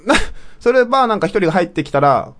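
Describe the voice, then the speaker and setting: A man chatting on a podcast with a high, very lively voice that leaps up and down as he tells his story. He talks fast in rough, casual speech and throws in sound effects as he goes. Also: a little hiss or hum. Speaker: podcast co-host.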